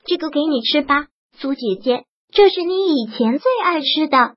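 A woman's voice: high-pitched, animated, normal speed, no echo, highs cut off. A woman voicing a lonely, downcast young actress. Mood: gentle.

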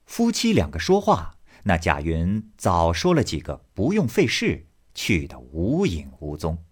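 A man narrating a classic novel as an audiobook in an expressive storytelling manner, with a husky voice. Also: sits low, a little slow.

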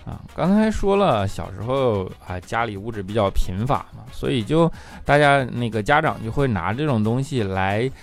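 Man, Northeastern Chinese accent, stand-up comedian, chatty, laughs at his own jokes, lively swooping pitch. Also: moderate pace, vocal fry, hardly any pauses, faint music behind.

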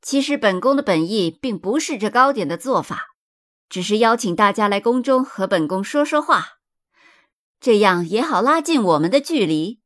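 A woman's voice: mid-range voice, expressive, moderate pace, fairly bright tone, pitched above the performer's own voice, close to an everyday voice. A woman voicing a scheming, pregnant young imperial noble consort who speaks with sweet, condescending politeness in an audiobook. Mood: gracious. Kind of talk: audiobook character voice.

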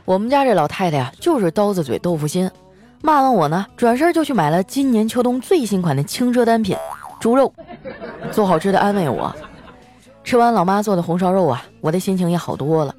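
Young woman host, chatty comic storyteller, very lively pitch, faint music behind. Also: fairly quick. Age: young adult. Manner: animated, self-mocking, chatty. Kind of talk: comic storytelling monologue with ad reads.

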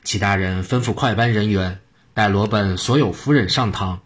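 A man reading a traditional story aloud in a steady narrating manner. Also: on the low side, moderate pace, slightly rough.

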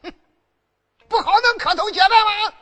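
A woman voicing a rough, hot-tempered former oil seller, sworn brother of an emperor, talking bluntly and stammering when cornered. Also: very high-pitched, moderate pace, fairly bright tone, pitched above the performer's own voice. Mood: gruff, defiant.

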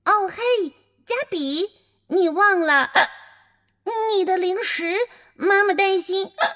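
A woman voicing a shy young female monster who speaks haltingly, in a storybook reading. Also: very high voice, bright, forceful tone, pitched above the performer's own voice, heavily acted. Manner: hesitant, halting.

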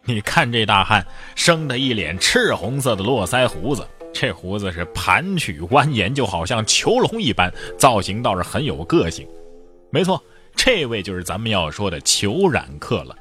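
A man telling an old tale in a lively, colloquial way, with playful asides. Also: fairly low pitch, moderate pace, soft background music. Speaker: storyteller. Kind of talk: animated oral storytelling.

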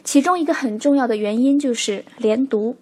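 A woman with a slightly high, breathy voice teaches a spoken English lesson. Her first language is Chinese, and she explains each rule step by step, slowing down to model the example phrases. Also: darkish tone.

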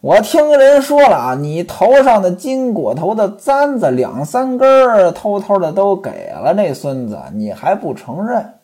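A woman's voice: low-pitched, huge pitch swings, takes it slowly, a little mellow, breathy edge, exaggerated voice. Woman voicing Ximen Qing, a harsh scolding master. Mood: accusing. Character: angry domineering wealthy man interrogating.

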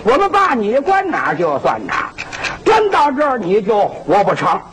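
A man's voice: sits high, huge pitch swings, moderate pace, a bit bright, exaggerated voice, low-quality recording. A man with a Shandong accent voicing a brutal, bullying male prison warden who barks his threats, on a hissy old recording. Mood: threatening. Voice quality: barking, menacing.

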